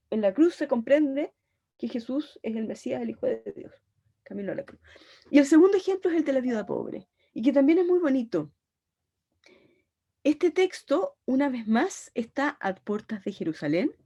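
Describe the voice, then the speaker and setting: A woman's voice: sits high, dark tone, lo-fi sound. A woman teaching a pastoral Bible course, retelling gospel scenes with dramatic storytelling.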